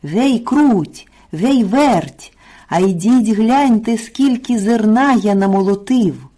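A woman's voice: lowish voice, expressive, takes it slowly, warm tone, husky, heavily acted. A woman voicing a hardworking, patient little rooster in a storybook tale, calling out earnestly.

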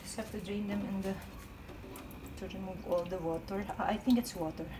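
A woman's voice: mid-range voice, steady tone, normal speed. A middle-aged woman demonstrating a simple recipe in her home kitchen, explaining each step in a chatty way. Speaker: home cooking vlogger. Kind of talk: casual cooking demonstration. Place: small home kitchen, indoors. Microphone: handheld phone camera filming her. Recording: echoey kitchen with clear background noise.

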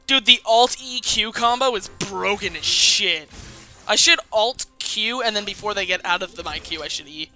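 A loud young woman streaming a game with a friend, cursing and cheering her own plays. Her voice is bright and forceful, with faint music playing behind her. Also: medium pitch, normal speed. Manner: loud, swears freely, hypes own plays. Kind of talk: casual gaming chat with a teammate.

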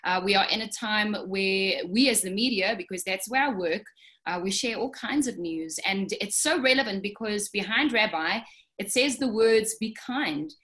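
A woman radio and TV presenter hosting an online interview, chatty and enthusiastic, speeding up when excited. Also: medium pitch, moderate pace.

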